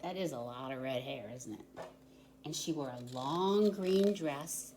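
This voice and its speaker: Unhurried and dark in tone, a low-voiced woman reads aloud to young children as a volunteer. She explains plainly, chats in asides and poses questions to her listeners. Background noise and a roomy echo are audible.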